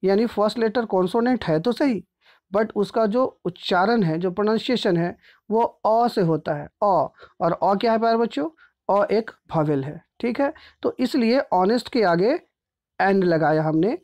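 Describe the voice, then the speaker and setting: A male teacher walks pupils through a grammar lesson. His delivery is patient and repetitive, and he keeps pausing to check that everyone is following. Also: high-pitched, animated, a little mellow. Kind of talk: grammar lesson explained step by step.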